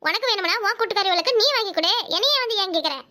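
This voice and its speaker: Woman doing a very high, bright, fast cartoon sister-in-law, scheming and quarrelsome, Kanyakumari Tamil accent. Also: expressive, exaggerated voice. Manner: shrill, quarrelsome, fake-tearful. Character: scheming sharp-tongued young sister-in-law, Thangamayil.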